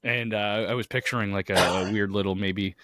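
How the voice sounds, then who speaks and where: A man with a hoarse, grating voice from too much yelling, chatting casually as a podcast co-host. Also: on the low side, fairly even intonation, brisk, heavy background noise.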